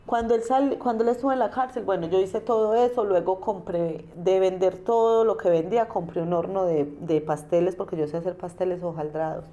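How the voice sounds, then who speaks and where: In a steady, medium-pitched voice with a dark tone, a young woman being interviewed recounts her life story. She talks fairly quickly with few pauses, plainly and conversationally, and she repeats herself often.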